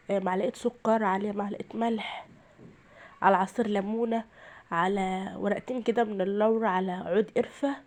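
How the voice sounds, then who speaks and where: In her home kitchen, a tired woman with a rural Egyptian accent talks viewers through each step of her cooking in a casual way. Her mid-range voice has a darkish tone.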